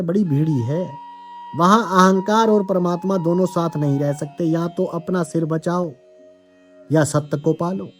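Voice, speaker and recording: A man giving a calm, measured devotional discourse as a spiritual teacher, speaking directly to seekers. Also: fairly high pitch.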